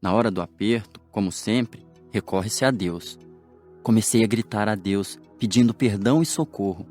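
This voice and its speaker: Give me a man voicing a good-humored dead man recounting his passing, with soft music behind. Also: lowish voice, normal speed, natural voice. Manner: lively storytelling with jokey asides. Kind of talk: audiobook drama acting.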